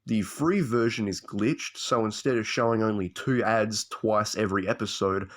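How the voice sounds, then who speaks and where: A young man telling a story as a casual, profane rant, swearing constantly and animated. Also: lowish voice, moderate pace. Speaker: vlogger.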